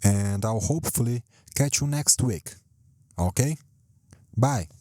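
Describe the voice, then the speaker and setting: This man's mid-range voice is dark-toned yet lively in intonation, and he speaks slowly on a dry recording. Alone on his home podcast, he rambles, jokes at his own expense, swears a lot and repeats himself. He's close on the home mic, sometimes too close.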